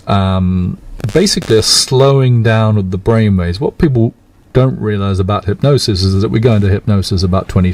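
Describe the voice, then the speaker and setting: A man, a hypnotherapist calmly explaining his work in a radio interview with everyday examples. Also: on the low side. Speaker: hypnotherapist guest.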